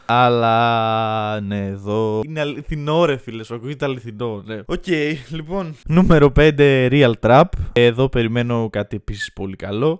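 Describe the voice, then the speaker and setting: Excitable man, smooth resonant voice. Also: medium pitch. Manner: excitable, slangy and profane, thinking aloud. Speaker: podcast host reacting to a rap album. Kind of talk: casual reaction commentary.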